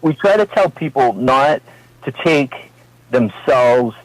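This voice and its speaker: A man's voice: medium pitch, animated, slow pace, no room sound, rough recording. A man with a Massachusetts accent, a heavy metal singer talking as a guest in a casual radio interview, rambling and laughing between phrases.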